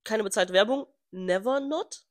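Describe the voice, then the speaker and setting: A young woman co-hosting a podcast in casual chat, chatty and quick to laugh, sometimes searching for words. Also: mid-range voice. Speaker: podcast co-host.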